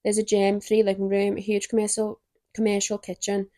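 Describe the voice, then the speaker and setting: A young woman hosting a podcast, chatty and giggly, breaking off a story reading to joke with her friend. Her voice sits in a middle pitch and sounds close and dry, with no room around it. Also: completely flat delivery, warm tone, no room sound. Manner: chatty, giggly, reads with quick asides. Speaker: podcast host. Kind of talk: casual chat and reading stories aloud.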